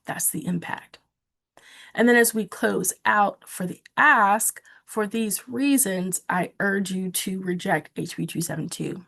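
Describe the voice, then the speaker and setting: A woman presenting a training session, giving calm, practical coaching on how to testify. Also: mid-range voice, vocal fry, slightly rough. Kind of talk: instructional webinar talk.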